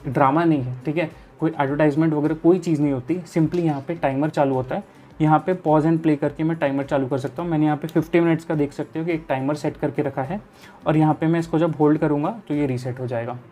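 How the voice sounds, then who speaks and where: A man's voice: a little high, steady tone, fast talker, mellow. A young man from India talking casually in an easygoing, explanatory way, giving study advice straight to the viewer in a vlog. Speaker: chartered accountancy student and study vlogger.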